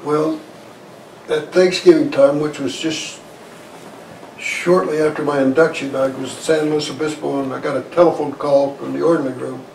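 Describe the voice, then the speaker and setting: A gravelly elderly man, halting and folksy, speaks with a steady tone, his voice on the high side and a little mellow. He's a Korean War veteran in his eighties giving a conversational oral-history recollection. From his armchair in a small living room, a lavalier on his shirt records roomy, distant sound with faint noise.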